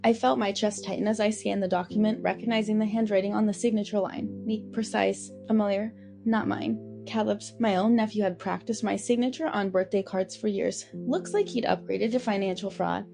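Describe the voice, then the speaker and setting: Gravelly older woman narrating a story. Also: medium pitch, over music. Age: 70s. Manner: measured, grave storytelling with dry wry asides. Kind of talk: scripted first-person story narration.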